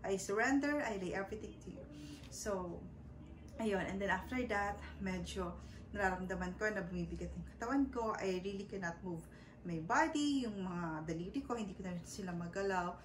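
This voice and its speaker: A woman's voice: medium pitch, normal speed. A woman in her thirties telling a personal story in a casual vlog. She talks politely and hesitantly, with many fillers and English words mixed in. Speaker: vlogger. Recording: roomy, a bit far from the mic, faint background noise.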